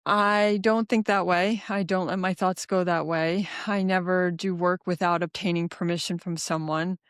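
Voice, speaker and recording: A woman health coach speaking as a podcast guest in a measured, thoughtful way, with some restarts. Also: lowish voice, steady tone, smooth, no room sound, studio quality. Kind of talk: casual interview conversation.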